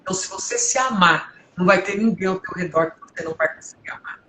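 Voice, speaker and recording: Woman, 50s, from Brazil; deep powerful voice, earnest preacher's testimony, echoey home room with faint hum. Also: fast, sharp tone. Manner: earnest, emotional, exhorting listeners.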